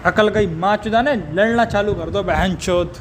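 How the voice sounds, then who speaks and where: Man, high voice, mocking abusive rant, faint background noise. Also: a little slow. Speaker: comedic roaster. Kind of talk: profane comedic rant.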